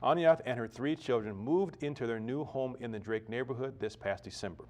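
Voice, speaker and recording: A man's voice: medium pitch, fairly quick, a little mellow. A man hosting an awards ceremony, opening with a prayer and reading out sponsors in a formal manner. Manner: formal, reads sponsor list. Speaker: ceremony emcee.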